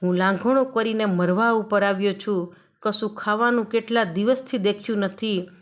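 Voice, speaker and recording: A woman's voice: medium pitch, fairly even intonation, moderate pace, lightly acted. A woman voicing a desperate, starving young village man who begs and pleads. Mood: timid. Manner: pleading and begging.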